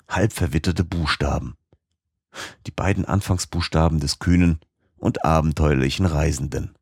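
Man reading an old novel aloud, measured, really deep voice, dry close mic. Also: gravelly, no room sound. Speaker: audiobook narrator. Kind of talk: scripted first-person narration.

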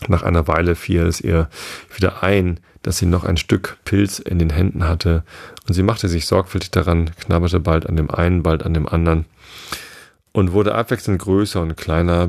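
Deep gravelly male storyteller. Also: steady tone, moderate pace, a little mellow. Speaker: narrator. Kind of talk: audiobook reading of a classic tale.

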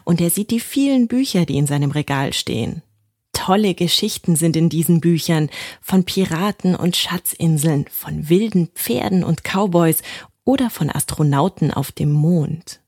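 Storyteller: woman, gentle bedtime reading, husky tone, dry close mic. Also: lowish voice, expressive, normal speed, no echo.

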